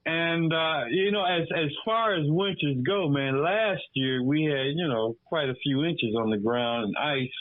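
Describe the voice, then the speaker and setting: A laid-back Detroit man in his fifties chats casually as a guest on a radio show over a phone line, saying "man" in nearly every sentence. His voice is on the high side, and he speaks unhurriedly with few pauses and no room sound.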